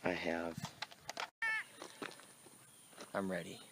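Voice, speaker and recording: A man's voice: low-pitched, little pitch movement, a little fast, close to an everyday voice. A man playing an earnest, fiercely loyal special-ops hero in an amateur comedy sketch, speaking with solemn self-seriousness. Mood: resolute. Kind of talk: amateur comedy role-play. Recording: amateur recording with faint noise.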